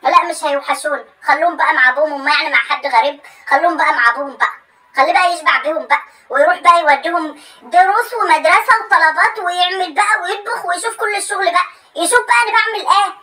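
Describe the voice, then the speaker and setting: A young woman, a comedy sketch creator with an Egyptian Arabic accent, performs a comedic monologue with phone calls. Her very high-pitched voice is rapid-fire and sharp as she complains emphatically and repeats herself, and the recording is rough.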